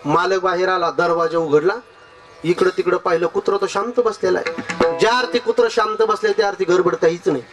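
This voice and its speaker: High-voiced humorous kirtan preacher. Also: male voice, brisk, music in the background. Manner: humorous, folksy, addresses the audience directly. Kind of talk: devotional kirtan sermon with folk storytelling.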